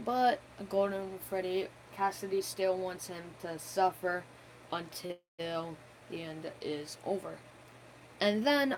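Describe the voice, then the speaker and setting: A woman's voice: medium pitch, a little hiss or hum, rough recording. A woman hosting a gaming channel, giving an unscripted live-stream game theory talk, rambling with many fillers and self-corrections.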